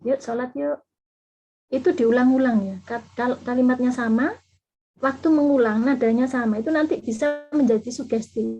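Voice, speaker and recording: Husky woman giving a parenting talk. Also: fairly high pitch, a little mellow. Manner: explanatory, acts out sample intonations. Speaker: parenting workshop speaker. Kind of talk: online parenting seminar talk. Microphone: video call audio. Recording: dull lo-fi video call audio.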